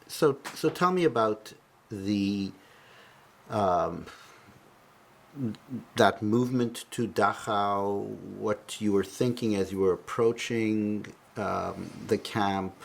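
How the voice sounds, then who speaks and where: A man interviewing someone with careful, halting questions in measured phrases. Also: on the low side, vocal fry.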